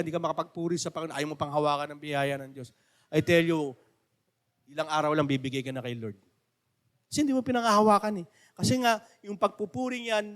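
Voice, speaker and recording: A male pastor preaching a sermon and telling stories with animated rises into near shouts. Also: fairly high pitch. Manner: animated storytelling with rising shouts.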